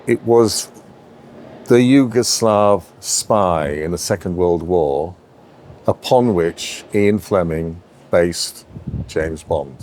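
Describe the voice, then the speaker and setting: Middle-aged man, very low voice, lively anecdotal interviewee. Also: slow, slight background noise. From Yorkshire, England. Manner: animated anecdotal storyteller. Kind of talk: storytelling interview.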